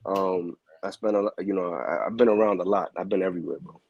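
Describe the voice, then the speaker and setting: A man talks in a relaxed, slangy way as a boxing manager on a video call. His voice sits a bit low. The sound is close and dry. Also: fast, creaky, no echo, lo-fi sound. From New York. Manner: relaxed, slangy, calls people bro. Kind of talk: casual interview.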